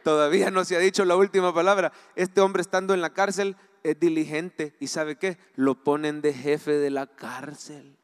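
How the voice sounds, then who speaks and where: Salvadoran pastor guy preaching, highish voice, lots of questions to the crowd, long echoey hall sound. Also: fairly even intonation, moderate pace, clear, resonant tone. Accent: Salvadoran Spanish. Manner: preaching with rising and falling emphasis, rhetorical questions to the congregation. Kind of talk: sermon.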